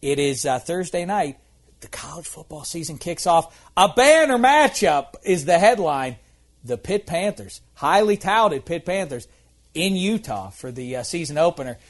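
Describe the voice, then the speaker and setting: A man's voice: fairly high pitch, sing-song, a little slow. A man hosting a comedy talk show, upbeat and teasing, with an announcer-like delivery. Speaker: radio comedy show host.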